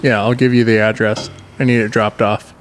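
A man's voice: lowish voice, level tone, moderate pace, slight background noise. A man co-hosting a barbecue podcast, joking around and laughing often. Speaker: podcast co-host. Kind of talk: casual chat.

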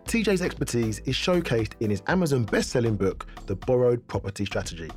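A man's voice: mid-range voice, sing-song, fairly quick, a little mellow, soft background music. A man co-hosting a podcast interview, asking questions and making dry joking remarks. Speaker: podcast co-host. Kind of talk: casual interview chat.

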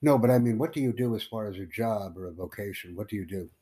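A man from the United States hosts a casual live stream, talking with strangers he meets online. His voice sits low and sounds mellow and dark. He rambles and halts, leaning on fillers as he goes. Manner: rambling, halting, with many fillers. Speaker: livestream host.

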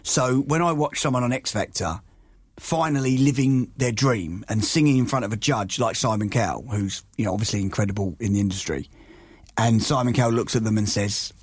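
Husky-voiced man, rambling chat. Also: fairly low pitch, a little fast, no room sound, studio quality. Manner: rambling, animated storytelling with frequent restarts. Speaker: podcast co-host. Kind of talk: casual chat.

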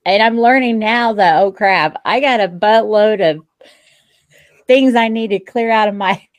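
A woman's voice: mid-range voice, unhurried, no room sound. A woman in her fifties hosting a casual interview, chatty and frank, laughing often. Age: 50s. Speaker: podcast host.

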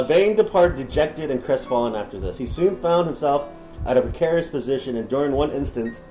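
Brief: male podcast co-host, slangy casual storyteller, warm dark voice, echoey room, faint music behind. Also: medium pitch. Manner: slangy, filler-heavy storytelling. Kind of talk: casual history podcast chat. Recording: roomy room echo.

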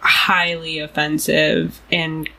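A woman's voice: sits low, little pitch movement, slow, vocal fry, pushed and bright. A woman, co-hosting a podcast. She reacts with frequent exclamations and speaks her opinions plainly. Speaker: podcast co-host. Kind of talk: casual chat.

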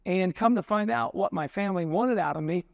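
A man's voice: high voice, a little fast, gravelly, dry recording. A man in his sixties, a racing show host, telling stories in casual conversation and acting out the voices of people he quotes. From United States. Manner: animated storyteller, acts out quotes.

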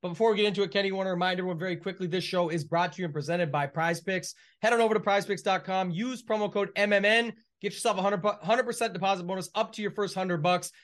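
A man's voice: high-pitched, fast, few pauses, fairly bright tone. A man co-hosting a golf podcast, chatting casually about sport in loose, run-on, clipped phrases. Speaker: co-host of a golf betting podcast.

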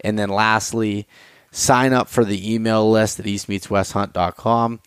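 Podcast host: American man, smooth lower register, dry sound, casual and slightly hesitant delivery. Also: fairly even intonation, a little slow, no echo. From Pennsylvania, United States.

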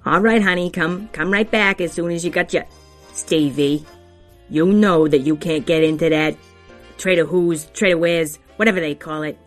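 A man's voice: on the high side, fairly even intonation, moderate pace, a bit bright, soft background music, pitched above the performer's own voice, natural voice. A man voicing a motherly female weasel who fusses and nags in a distracted way. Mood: fussing. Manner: fussing, distracted motherly nagging.

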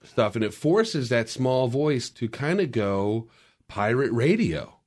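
A man's voice: mid-range voice, animated, slow, a little mellow. A man in a casual podcast discussion, explaining media history in a lecturing way with frequent restarts.

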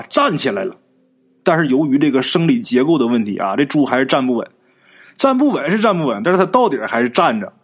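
Husky chatty male storyteller. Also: mid-range voice. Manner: chatty, colloquial, addresses listeners directly. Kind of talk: folk ghost story narration.

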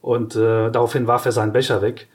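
A man co-hosting a podcast, explaining ideas in casual conversation with hesitant restarts and lively, exaggerated examples. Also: medium pitch, fairly quick. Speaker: podcast co-host.

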